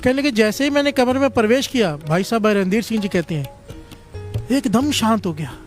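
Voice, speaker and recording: A man preaches a Sikh storytelling sermon in a high, expressive, brisk voice, repeatedly calling on the congregation to answer back. Faint music plays behind him.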